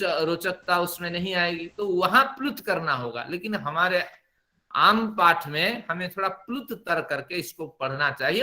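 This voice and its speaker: Middle-aged male recitation teacher, bright, fairly high voice, patient step-by-step explaining with chanted demonstrations. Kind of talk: spoken Sanskrit pronunciation lesson.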